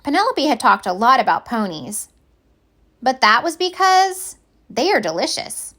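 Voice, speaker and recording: Reading a children's picture book aloud, a woman whose voice sits high gives the story an expressive and deliberate telling.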